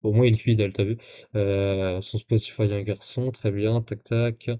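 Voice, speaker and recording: A man's voice: lowish voice, level tone, normal speed, mellow, highs cut off. Sarcastic man streaming live commentary. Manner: casual, many fillers and restarts, sarcastic asides.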